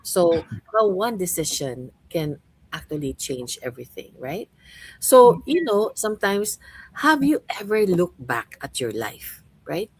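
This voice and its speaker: A woman's voice: fairly low pitch, sing-song, unhurried, slightly rough, no room sound, low-quality recording. A middle-aged woman from the Philippines hosting a podcast chat as a coach, chatty and full of "you know" and "right?" tags. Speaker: host and coach.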